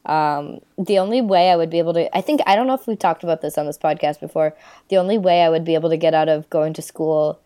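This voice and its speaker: A woman's voice: sits low, fast talker, mellow, clear, resonant tone. A young adult woman co-hosting a podcast, chatting in a laid-back, dry way full of hesitations. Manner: laid-back, lots of ums and laughs, dry. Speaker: podcast co-host. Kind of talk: casual chat.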